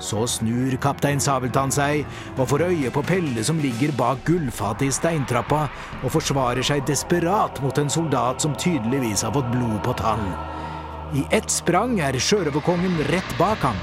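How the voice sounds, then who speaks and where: A man narrating a children's audiobook in a lively storytelling manner. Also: mid-range voice, over music. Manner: lively storyteller, voices all the characters.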